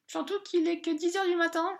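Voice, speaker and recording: A woman's voice: extremely high pitch, little pitch movement, fairly quick, vocal fry, noisy background. An actress playing a hapless, scatterbrained female bank adviser in a comic monologue, rambling and hesitant with constant filler sounds. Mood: apologetic, lonely.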